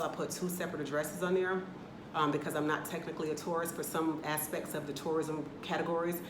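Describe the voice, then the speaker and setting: A travel vlogger from the Atlanta area in the United States, speaking with an American accent, chats candidly from her rental apartment in a casual vlog. Her voice is low-pitched, with reverb and background noise, and she drifts into loose, run-on asides.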